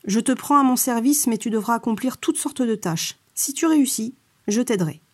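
A woman's voice: a little high, moderate pace, darkish tone, breathy edge. A woman voicing Aphrodite, a haughty goddess who speaks with scorn and mockery, in a storybook reading. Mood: scornful. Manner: scornful and mocking.

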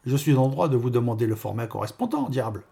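A man voicing a loud, brash female baker in a storybook reading, demanding and shrill. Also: sing-song, quick pace, vocal fry, breathy edge, heavily acted.

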